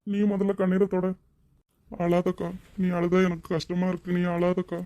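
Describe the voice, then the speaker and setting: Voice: medium pitch, little pitch movement, moderate pace, warm tone, dry recording, natural voice. A voice actor playing a grateful young policeman and devoted younger brother in a cartoon drama, speaking in an earnest, emotional way. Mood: tearful. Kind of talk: Tamil cartoon drama voice acting.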